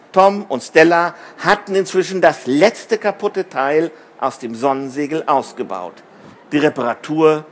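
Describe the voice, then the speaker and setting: A man reading a children's story aloud in an expressive, measured way. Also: a little high, slight background noise. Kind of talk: scripted narration of a children's story.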